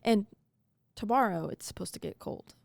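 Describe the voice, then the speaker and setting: A woman's voice: medium pitch, gravelly, no room sound. A young woman co-hosting a podcast in a studio, chatting casually and explaining things with lots of "like" fillers. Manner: chatty, with fillers like "like" and quick laughs. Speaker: podcast co-host. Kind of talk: casual chat.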